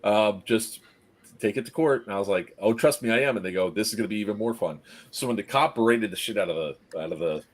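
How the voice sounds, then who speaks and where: Lively man telling a story, low voice. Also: quick pace. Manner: animated, quotes people, laughs mid-story; swears freely. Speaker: stream co-host. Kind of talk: casual storytelling.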